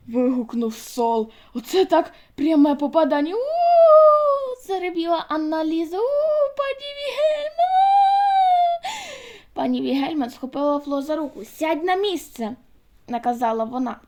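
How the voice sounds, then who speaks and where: A woman reading a children's book aloud, expressive and lightly voicing the characters. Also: sits high. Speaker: audiobook reader.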